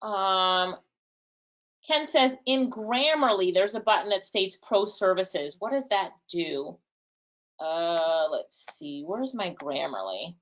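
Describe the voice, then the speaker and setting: Casually answering chat questions in a live online workshop, a Jamaican-accented woman thinks aloud, stays chatty and laughs lightly. Her medium-pitched voice has lively intonation, a slow pace and a fairly bright tone, though the sound is lo-fi.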